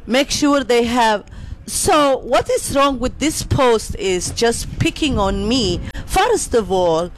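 Middle-aged woman guest, unhurried, lively pitch, halting. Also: slight background noise, rough recording. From Somalia. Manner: halting, searching for words. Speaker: guest, immigrant advocate. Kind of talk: radio talk show discussion.

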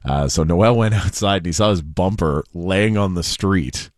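Deep-voiced and speaking at a moderate pace, this talk show co-host is captured in a dry, clean studio recording. He's a chatty storyteller, recounting offbeat news with plenty of jokes in a relaxed style.

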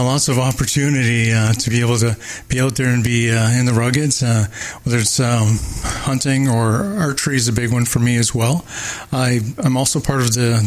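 With a medium-pitched voice, this older man from Barbados, a candidate for mayor, responds to an interviewer while pausing often, using fillers and starting sentences over.

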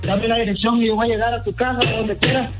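A man's voice: very high voice, level tone, quick pace, music in the background. A man from Venezuela, the target of a prank call, confused and defiant and answering back with jokes. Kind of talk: phone conversation.

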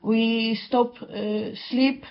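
A woman with a Polish accent, a charity founder, answering an interview in simple, halting English. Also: on the high side, fairly even intonation, highs cut off. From Poland.

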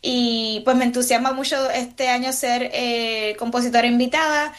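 Puerto Rican woman composer, slightly high voice. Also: fairly even intonation, moderate pace. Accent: Puerto Rican Spanish. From Puerto Rico. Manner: thoughtful, many fillers and restarts. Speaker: guest composer. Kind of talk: radio interview.

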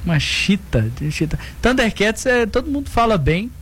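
Jovem apresentador esportivo de voz aguda. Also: male voice, high-pitched, normal speed, husky. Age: 20s. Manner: lively, reads sports news between banter. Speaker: sports radio host. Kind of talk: sports talk and news reading.

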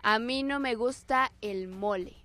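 A woman's voice: fairly high pitch, unhurried, fairly bright tone, no echo, faint music behind. A woman with a Mexican accent co-hosting a morning radio show, joking and stubbornly standing her ground. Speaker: radio co-host. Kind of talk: casual morning radio banter.

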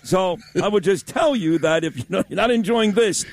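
A man's voice: sits high, moderate pace. A man from Brooklyn with a Brooklyn accent, talking bluntly and brashly off the cuff as a talk radio personality. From Brooklyn, New York. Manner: blunt, plain-spoken, brash. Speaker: radio talk show host appearing as guest.

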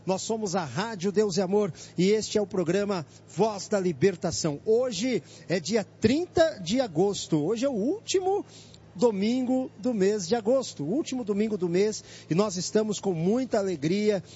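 A man's voice: high voice, lively intonation, normal speed, warm tone, husky. A Brazilian man hosting an evangelical radio broadcast, fervently inviting listeners to come to church. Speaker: radio host. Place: church headquarters, live broadcast. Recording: dull lo-fi radio broadcast with faint noise.

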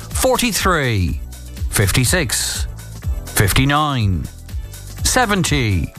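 Radio bingo caller: Irish male, fairly high voice, very varied intonation. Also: fairly bright tone. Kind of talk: radio number-calling announcements. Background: music bed.

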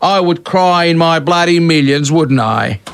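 A man's voice: fairly high pitch, expressive, unhurried, over loud music. A blunt, indignant man from Greece, ranting heatedly on talkback radio.

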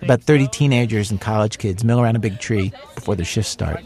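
A man's voice: on the low side, fast talker, a little mellow. A man narrating a scripted radio story as a reporter, in a conversational style.

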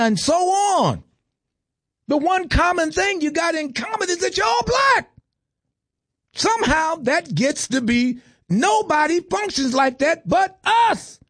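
A man's voice: very high-pitched, very animated, measured pace, fairly bright tone, no echo, studio quality. A man giving an impassioned lecture, stressing lists and asking rhetorical questions.

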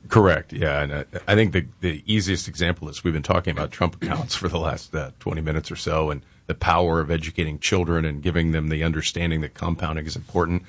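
A man in his forties co-hosting a radio talk show, chatting casually and telling stories with filler pauses. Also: extremely low pitch, steady tone. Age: 40s. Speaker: radio co-host.

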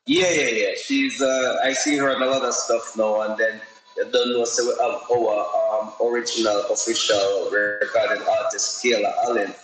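A man who works as a DJ, talking loosely in an interview with halting starts and repeated "you know"s. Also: on the low side, flat delivery, a bit bright, echoey room, soft background music, poor audio. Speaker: DJ, sound system member. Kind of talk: casual interview talk.

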